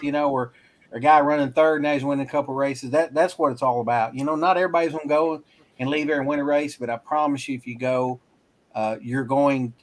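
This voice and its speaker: A man from Arkansas, a racing school instructor, talking casually as a guest and rambling with restarts. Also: medium pitch. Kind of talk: casual interview talk.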